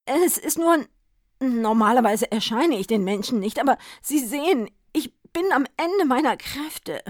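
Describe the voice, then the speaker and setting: A woman's voice: high voice, animated, a little slow, no echo, studio quality, pitched above the performer's own voice. Santa Claus, worn out as a woman reads him. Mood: weary. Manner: weary, pleading. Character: exhausted, weepy old Santa Claus.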